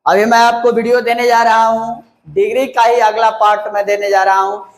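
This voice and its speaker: A man teaching a grammar lesson to a class. He talks slowly and repeats key words, spells them out letter by letter and keeps checking whether the class understood. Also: extremely high pitch, little pitch movement, a little hiss or hum. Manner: slow, repeats and spells words out, asks "clear?". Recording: echoey room.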